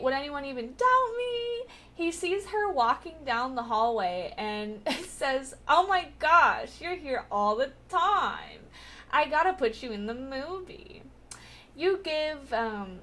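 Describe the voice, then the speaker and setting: A chatty young woman walks through a TV episode in a casual recap, her voice a little high. She giggles often and leans on filler words. She keeps an easy, unhurried pace. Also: a bit bright. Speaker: TV recap vlogger.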